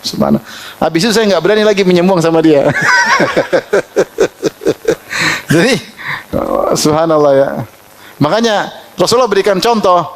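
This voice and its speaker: Animated storytelling preacher, a man. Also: high voice. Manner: animated storytelling, chuckles often, recites Arabic verses. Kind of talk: Islamic sermon with anecdotes.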